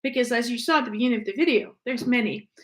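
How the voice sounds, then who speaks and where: This podcast host, a native French speaker, talks very fast in a fairly bright voice on the high side. She recounts her own experiences candidly and conversationally, full of fillers and restarts.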